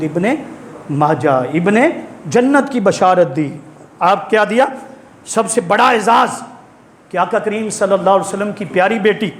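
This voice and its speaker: A male preacher delivers an impassioned sermon in a very high, piercing voice. He climbs to fervent shouts and keeps calling out for replies. The sound rings through an echoey hall over a faint hiss. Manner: fervent, rising to shouts, calls for congregation replies. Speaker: Islamic preacher.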